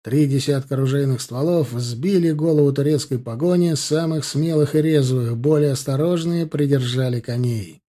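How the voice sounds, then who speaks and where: A man narrating an audiobook with steady storytelling. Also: medium pitch, normal speed, hardly any pauses. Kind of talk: scripted narration.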